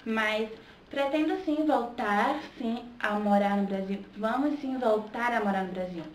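A young woman with a Bahian accent chats casually to her camera, her voice sitting a touch high. She talks in a relaxed, conversational flow and keeps checking in with the listener. The room is echoey, with a faint hum of ambience behind her. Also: a little slow. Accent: Bahian Brazilian Portuguese. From Salvador, Bahia, Brazil. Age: young adult. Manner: chatty, keeps adding "sabe?" to her points. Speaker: vlogger. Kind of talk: casual vlog chat.

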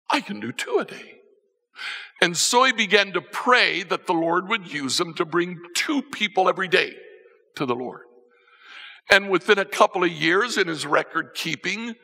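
An older pastor delivers a sermon from a church stage set with band instruments, his gravelly, slightly husky voice carrying a bright edge. He tells stories unhurriedly, his pitch rising and falling as he swings between soft and emphatic, with a long reverb from the hall.

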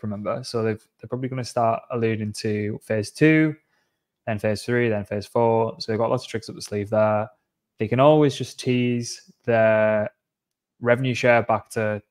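A man co-hosting a casual crypto chat on a video call, relaxed and explanatory with a wry tone. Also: mid-range voice. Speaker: co-host. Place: home room. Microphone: webcam video call.

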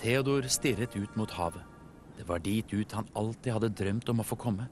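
A man from Norway narrating a children's TV story in an animated storytelling way. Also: lowish voice. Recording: music playing behind.

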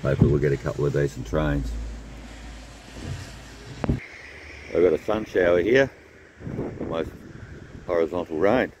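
An Australian train-spotting vlogger talks into a handheld camera beside a railway line outdoors in the rain, laid-back and chatty, even singing a snatch of song. He has a bass voice and a measured pace with long pauses, and there's background noise.

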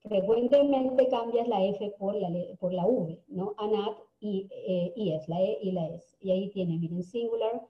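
A woman leads a lesson at an unhurried pace, spelling out words and pausing to ask her class "ok?". Her voice sits in the middle of the range and carries a roomy echo. The recording sounds dull and lo-fi. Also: mid-range voice. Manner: repeats words slowly, checks in with frequent "ok?". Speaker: English teacher.

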